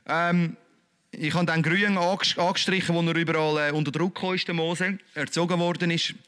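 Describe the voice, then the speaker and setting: A man's voice: fairly high pitch, flat delivery, brisk, a bit bright. A man with a Swiss German accent preaching a sermon in a colloquial, emphatic, repetitive way.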